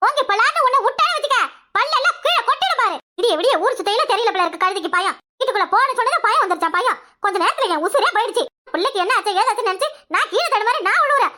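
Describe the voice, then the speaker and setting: A woman voicing a loud, quick-tempered village mother in a cartoon, with a southern Tamil village accent and shrill, fast exclamations. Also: expressive, full character voice. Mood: scolding. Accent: southern Tamil Nadu village Tamil. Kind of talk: cartoon voice acting.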